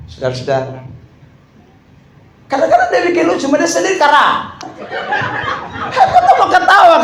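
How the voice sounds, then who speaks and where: A man, a pastor teaching how to preach, animated and joking as he acts out examples. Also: very high voice, slight background noise. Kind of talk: lively teaching talk to an audience. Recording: echoey room, faint background ambience.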